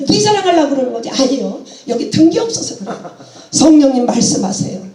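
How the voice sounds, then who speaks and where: A woman's voice: high-pitched, sing-song, a little fast, dark tone, reverberant. A woman preaching a sermon with passion, laughing and exclaiming as she goes, mixing English phrases into her talk.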